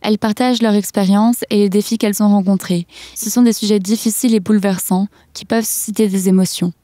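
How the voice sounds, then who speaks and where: A young adult woman hosting a podcast, reading a scripted introduction and asking interview questions in a measured, careful way. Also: medium pitch, fairly even intonation, dark tone, no echo, studio quality. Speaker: podcast host.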